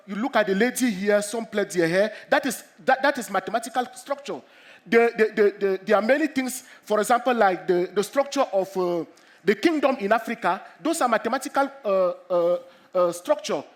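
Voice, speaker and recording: A middle-aged mathematics professor from Cameroon, suffering from a cold, gives an earnest public lecture to students in a high voice. He halts often, restarts many times and repeats himself as he explains.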